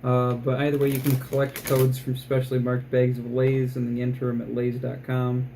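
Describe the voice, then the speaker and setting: A man giving a casual food review in a low-key, rambling, dryly joking way. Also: monotone, moderate pace, mellow, slight background noise, rough recording. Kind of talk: casual product review vlog.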